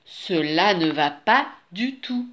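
A woman's voice: animated, slow. A woman voicing a big, fussy male wolf who keeps exclaiming in exasperation. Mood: exasperated. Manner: exasperated exclaiming, high and loud.

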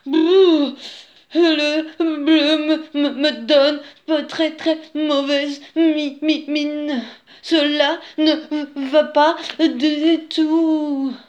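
A woman's voice: lively intonation, takes it slowly, few pauses, muffled recording. A woman voicing a big, fussy male wolf who keeps exclaiming in exasperation. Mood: shivering, stammering. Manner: exasperated exclaiming, high and loud.

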